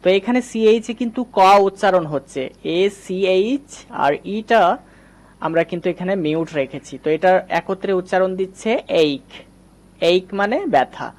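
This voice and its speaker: A man's voice: sits high, fairly quick, darkish tone. A man teaching English reading, patiently explaining and quizzing his viewers. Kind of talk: screen-recorded lesson.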